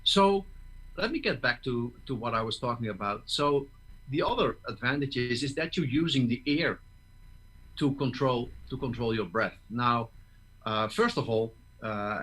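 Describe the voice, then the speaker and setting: A man's voice: medium pitch, a bit bright, husky, rough recording. A man teaching tuba breathing in an online master class, explaining step by step and often checking in with "okay?". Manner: explains step by step, restarts words, asks "okay?".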